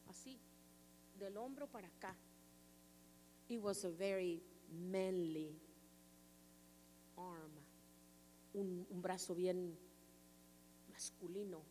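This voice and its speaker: A woman's voice: medium pitch, a little mellow, a little hiss or hum. A woman pastor preaching a sermon in an emphatic, declaring manner. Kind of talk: bilingual sermon. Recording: long echo of a large hall.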